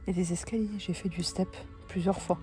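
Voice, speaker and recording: A woman's voice: on the low side, steady tone, fast talker, mellow, soft background music. A middle-aged woman chatting casually in her vlog, self-mocking and hesitant, often trailing off with fillers. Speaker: vlogger.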